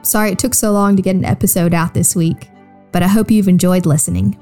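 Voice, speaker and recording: A woman in her thirties hosting a children's podcast, gently narrating a Bible story and speaking directly to young listeners. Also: fairly low pitch, steady tone, fairly quick, faint music behind.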